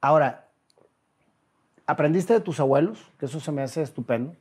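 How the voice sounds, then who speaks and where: A male interviewer with a somewhat husky, slightly higher voice leads a casual talk. He asks curious, short follow-up questions. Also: lively intonation, moderate pace, darkish tone.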